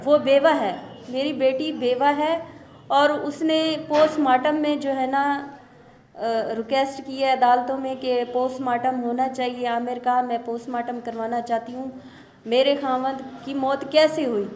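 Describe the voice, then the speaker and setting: A woman's voice: high voice, steady tone, moderate pace, a little mellow. A middle-aged woman from Pakistan, a mother speaking at a press conference, insistent and indignant as she repeats her points. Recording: echoey room with faint noise.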